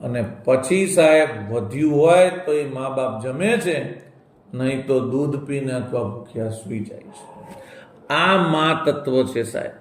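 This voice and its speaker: Impassioned man, echoey room. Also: on the high side. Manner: storytelling, acting out a mother's gentle replies; addresses listeners as "saheb" and urges them directly. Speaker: moral speaker. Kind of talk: emotional moral talk to an audience.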